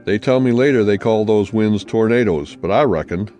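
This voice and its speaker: A man's voice: on the low side, moderate pace, warm tone, soft background music, close to an everyday voice. A man voicing a boastful uncle who spins tall tales in a folksy cowboy drawl. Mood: folksy boasting.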